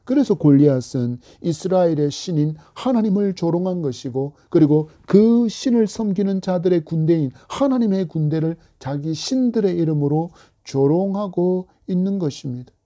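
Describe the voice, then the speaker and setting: A male pastor giving an earnest, measured expository sermon. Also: sits high, lively intonation, mellow. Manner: earnest, measured preaching with dramatic quoted voices.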